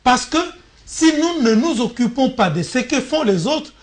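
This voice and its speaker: A man, giving deliberate, formal political commentary as a journalist on a panel, with small stammers. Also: very high voice, animated.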